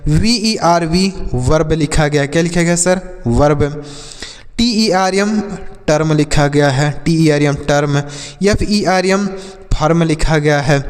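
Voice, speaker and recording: A man's voice: on the high side, in a large hall. A man teaching English pronunciation rules to video viewers. He spells words out letter by letter, repeats each rule, and asks his students' questions himself before answering them. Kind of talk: classroom-style lesson for video.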